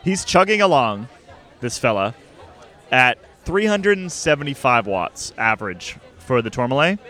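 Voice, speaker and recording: A man with a bright, forceful voice hosts a casual podcast conversation. He talks in a relaxed, meandering way, full of fillers. He is recorded outdoors in an urban setting. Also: mid-range voice, moderate pace. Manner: relaxed, chatty with filler words. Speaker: podcast host.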